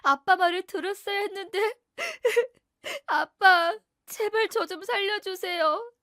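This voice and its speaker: A woman's voice: animated, takes it slowly, sharp tone, dry recording, clean studio sound, full character voice. Woman playing a sobbing, terrified young wife. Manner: begging, high and tearful. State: crying. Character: frightened battered young wife, pleading and sobbing.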